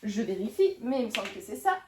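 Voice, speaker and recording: A woman's voice: a little high, very animated, fast, a little mellow, a little hiss or hum. A woman in her thirties chatting casually about books on her vlog, with frequent hesitations and self-deprecating laughs. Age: 30s. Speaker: book vlogger. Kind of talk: casual book review chat.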